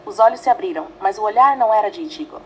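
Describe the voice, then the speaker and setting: A woman narrating a fanfiction story in a dramatic, measured way, reading in short phrases. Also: mid-range voice, slight background noise, rough recording.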